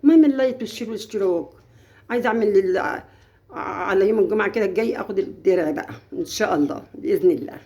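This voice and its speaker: A woman's voice: mid-range voice, rapid-fire, warm tone. A middle-aged woman with an Egyptian accent, giving earnest, lecturing advice as a mother in a casual livestream, and acting out the lines of others. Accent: Egyptian Arabic. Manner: earnest, lecturing, acts out quotes.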